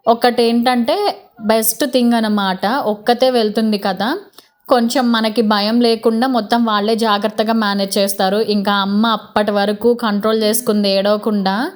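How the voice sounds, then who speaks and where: A woman in her thirties with a Telugu accent, narrating a family vlog in a soft, explanatory way. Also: on the high side, level tone, moderate pace. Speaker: vlogger.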